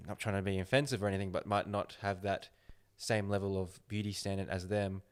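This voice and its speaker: Male podcast host, low-pitched, speaks slowly and deliberately with firm opinions. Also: fairly even intonation, smooth. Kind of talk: casual podcast chat.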